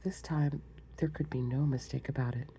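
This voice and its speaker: A woman reading a storybook aloud in a soft, close, unhurried ASMR manner as whispered role-play, with small spoken asides. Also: extremely low pitch, steady tone, slight background noise, poor audio. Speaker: ASMR reader.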